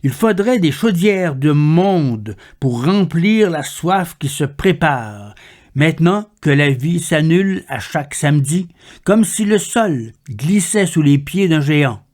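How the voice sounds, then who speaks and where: Slow, measured man reading poetry. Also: on the high side, expressive, darkish tone. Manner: measured, deliberate recitation. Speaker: poetry reader.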